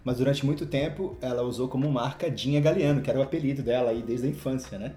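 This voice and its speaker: A man's voice: medium pitch, quick pace, mellow, faint music behind. A man hosting a casual podcast, explaining things in an upbeat way and drawing out key words. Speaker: podcast host. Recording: roomy echo.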